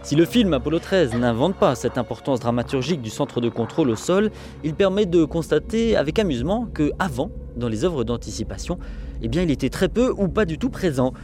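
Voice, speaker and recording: A man's voice: on the high side, animated, a little fast, darkish tone, soft background music. A man giving scripted film-essay narration in a didactic, wryly humorous way.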